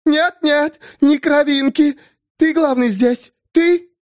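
A woman's voice: takes it slowly, no room sound, clean studio sound. A man voicing a frightened wild-haired woman who shrieks in short, broken phrases in an audiobook. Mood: hysterical. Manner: shrill, broken short cries. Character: frantic wild-haired woman, fearful, simple speech.

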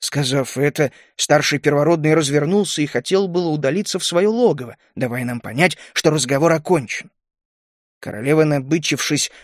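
A man reading first-person fantasy narration in a steady, measured way. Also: on the high side, no room sound, clean studio sound. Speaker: audiobook narrator.

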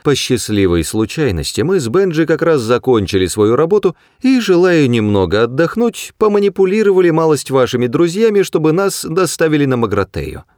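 Man doing a small mouse, high-pitched, businesslike, fed up, quick, lively. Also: no room sound, studio quality. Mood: weary. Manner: chatty, tired and fed-up.

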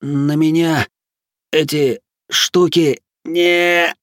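A man voicing a terrified, broken male prisoner who rasps his words out hoarsely. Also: fairly high pitch, fairly even intonation, extremely slow, a bit bright, no echo, clean studio sound, voice pushed up. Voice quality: hoarse rasp.

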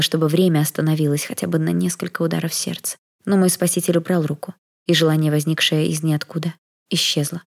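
A woman reading a first-person audiobook in a soft, even storytelling manner. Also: deep voice.

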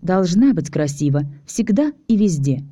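A woman's voice: on the low side, big pitch swings, moderate pace, warm tone, no echo, studio quality. A woman voicing a seductive, playful female vampire who teases in a sultry way. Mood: teasing. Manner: teasing, sultry.

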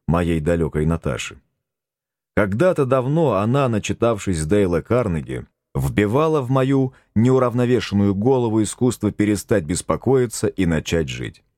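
A man's voice: low voice, a little mellow, no room sound, studio quality. A man narrating an audiobook in the first person, with a wry storytelling manner. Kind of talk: audiobook reading.

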